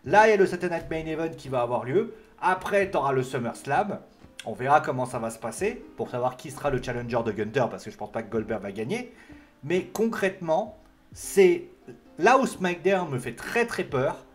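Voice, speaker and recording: French guy reviewing wrestling, somewhat high voice, lively rambling delivery, faint music underneath. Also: normal speed. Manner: animated, rambling with frequent fillers and restarts. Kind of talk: casual solo commentary.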